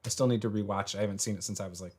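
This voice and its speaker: A man running a tabletop game as game master, joking in quick, loose asides. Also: on the low side, steady tone, a little mellow, husky.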